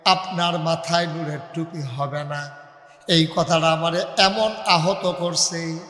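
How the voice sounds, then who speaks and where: A man voicing a grown prince crying out to his father, pleading in a high, tearful voice. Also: fairly even intonation, slow pace. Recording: echoey hall, loudspeaker reverb.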